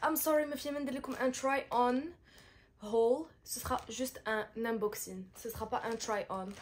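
Chatty high-voiced young woman vlogger. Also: fairly even intonation, moderate pace, slight background noise. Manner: chatty, switching between languages mid-sentence. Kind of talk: casual haul vlog chat.

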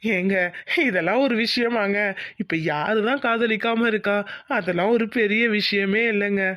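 A naive young groom in a cartoon speaks with an earnest, innocent manner. His voice sits fairly high and sounds dry and close. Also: moderate pace, fairly bright tone, no echo. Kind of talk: Tamil cartoon dubbing.

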